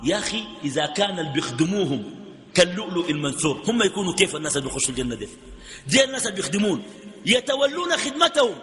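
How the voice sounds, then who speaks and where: High bright-voiced Sudanese preacher in a hall. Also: male voice, big pitch swings, rapid-fire. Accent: Sudanese Arabic. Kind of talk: sermon. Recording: long hall reverb, faint background noise.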